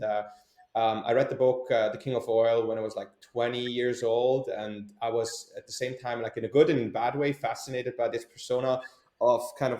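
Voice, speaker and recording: A young Swiss entrepreneur, appearing as an interview guest, speaks in a warm, mid-range voice. He answers hesitantly with many fillers and restarts, and the room sounds echoey.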